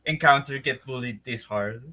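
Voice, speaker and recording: A man's voice: mid-range voice, moderate pace, sharp tone. A man with a wry, amused way of talking, casually game-mastering a tabletop fantasy game.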